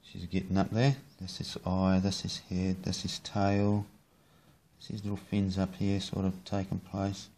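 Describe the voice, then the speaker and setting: A man's voice: deep voice, monotone, unhurried, mellow. A man with an Australian accent rambling casually in his kitchen, swearing freely and joking as he shows his hobby work. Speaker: hobbyist rod builder. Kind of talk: casual how-to video. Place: home kitchen.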